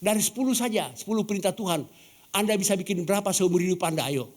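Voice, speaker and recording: A pastor from Ambon preaches in a church, his voice sitting a little high for a man. He keeps turning questions back on the congregation and slips into the voices of the people in his stories. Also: quick pace, darkish tone. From Ambon, Indonesia. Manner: questions the congregation, acts out quoted dialogue. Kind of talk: sermon.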